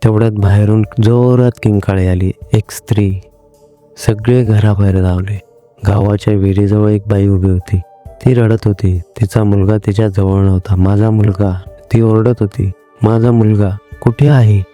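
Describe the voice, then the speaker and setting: A man narrating a horror story in a measured, suspenseful way. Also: lowish voice, little pitch movement, dark tone, faint music behind.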